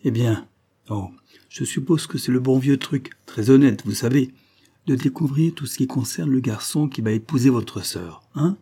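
A man's voice: mid-range voice, normal speed, mellow, husky, pitched above the performer's own voice. A man voicing a phlegmatic Englishman, blunt and ill at ease, stammering at times in a storybook reading.

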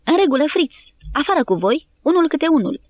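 A woman voicing a harsh male British officer shouting orders at prisoners in an audiobook. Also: high voice, sing-song, voice pushed up. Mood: barking. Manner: barking orders.

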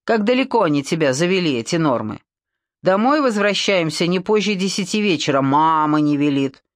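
A woman's voice: lowish voice, expressive, a little fast, dry recording, clean studio sound, close to an everyday voice. A woman voicing a bold, sarcastic young woman in an audiobook. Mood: defiant mocking. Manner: defiant, sarcastic.

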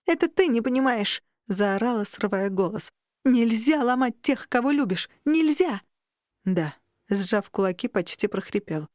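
A woman's voice: mid-range voice, a little mellow, no room sound, studio quality. A young woman narrating a novel in the first person, emotional and rising sharply when the heroine is in distress. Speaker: audiobook narrator.

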